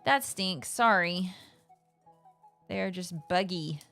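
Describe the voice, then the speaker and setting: A woman's voice: lowish voice, slow, creaky, fairly bright tone. A woman co-hosting a game stream in casual conversation, with music behind her.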